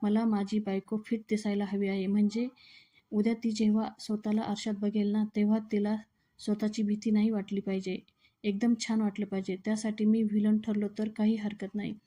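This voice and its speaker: Stubborn young man playing trainer to his wife, read by a woman; even-pitched, warm-dark voice. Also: a little fast, lightly acted. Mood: lecturing. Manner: stubborn, lecturing. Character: strict young husband acting as fitness trainer.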